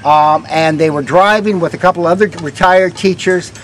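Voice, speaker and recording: Older man, slightly high pitch, tour storytelling, conversational pauses, soft trailing phrase ends, outdoor recording, faint traffic noise. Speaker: ghost walk guide, former vice principal. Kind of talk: live storytelling to a walking tour group. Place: outdoors on a town street.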